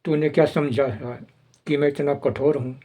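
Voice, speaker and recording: A man's voice: a little high, fairly even intonation, normal speed, dark tone, close to an everyday voice. A man reading the lines of a tearful, forgiving husband in a retold film story, in a plain reading voice.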